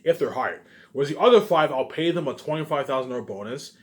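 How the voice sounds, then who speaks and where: This man's voice sits fairly high, and he talks at a quick, animated pace. In a loose, informal monologue about what he plans to do, he repeats himself, starts phrases over and leans on emphatic tag words.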